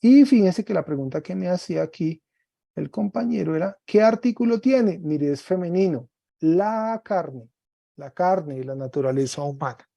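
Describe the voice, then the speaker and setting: A man teaching a Greek class online, explaining slowly step by step and often checking with "¿cierto?". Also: sits high, animated, vocal fry, warm tone, dry recording.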